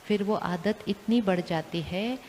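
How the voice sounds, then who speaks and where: A woman giving a calm spiritual talk to an audience, often repeating her questions back to them. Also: mid-range voice, measured pace. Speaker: spiritual teacher. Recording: long hall reverb, faint hiss.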